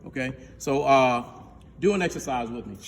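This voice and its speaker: A man's voice: medium pitch, moderate pace. A male band director teaches a rehearsal, counting off his players and singing syllables to demonstrate each note. He sounds distant from the microphone, and his voice rings with a long echo in a school band room. Faint noise sits under the recording.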